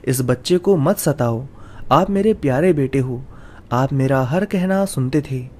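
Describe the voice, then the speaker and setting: A man's voice: medium pitch, measured pace, dark tone, lightly acted. A man voicing a grieving well-off mother who speaks tenderly and pleadingly to her dead son's spirit.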